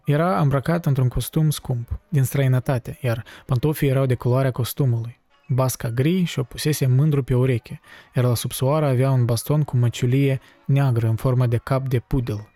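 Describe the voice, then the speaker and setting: A man reading a classic novel aloud, measured and expressive. His voice is mellow and dark, recorded close and dry, with faint music underneath. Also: medium pitch, dry recording. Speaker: narrator.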